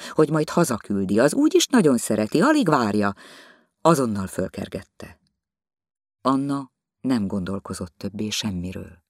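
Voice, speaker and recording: A man reading a novel aloud in a measured, expressive storytelling manner. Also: lowish voice, dry recording, studio quality. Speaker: audiobook reader. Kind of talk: scripted narration of a novel.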